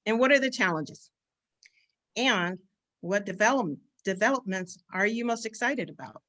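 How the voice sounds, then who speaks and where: A woman moderating a panel discussion, posing questions in a measured way over a video call. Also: mid-range voice, lively intonation, bright, forceful tone.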